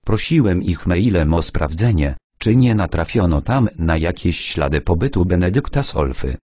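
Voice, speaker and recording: A man voicing an older male museum official with a stuffy cold, calm and dryly humorous in an audiobook. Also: sits low, moderate pace, husky, no room sound, studio quality.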